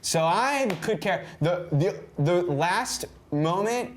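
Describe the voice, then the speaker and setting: Guy co-host, kinda high voice, blunt and emphatic about what he likes and hates. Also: animated, slow pace, slight background noise. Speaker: show co-host. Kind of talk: casual review chat.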